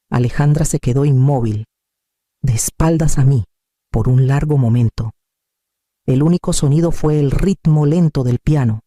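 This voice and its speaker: A man reading a scripted first-person family drama in a calm, measured storytelling manner. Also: fairly high pitch, no echo, clean studio sound. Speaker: narrator.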